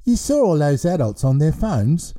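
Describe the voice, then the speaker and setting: A man voicing a huge baby who runs a school in space, who cries and giggles as he speaks, in a high babyish voice. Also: sing-song, moderate pace, mellow. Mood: babyish, weepy. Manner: cries, giggles and burps between lines.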